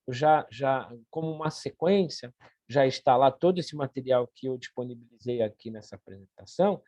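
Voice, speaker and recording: A man from Brazil presenting a plan at an online meeting, earnest and halting, often repeating words as he goes. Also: mid-range voice, darkish tone, no room sound. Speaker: meeting organizer.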